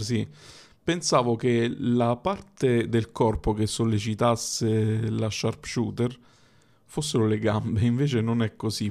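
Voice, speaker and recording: A man's voice: fairly low pitch, gravelly, dark tone. A man giving a casual explanatory monologue as a host, conversational, thinking aloud and rephrasing as he goes.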